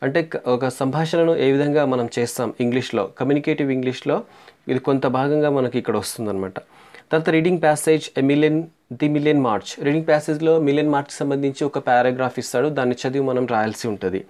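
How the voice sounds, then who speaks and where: A man, teaching a lesson as he walks through an English syllabus, slowing down on English titles and filling pauses with "aa". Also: mid-range voice, darkish tone. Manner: slow and deliberate on English titles, with frequent "aa" fillers.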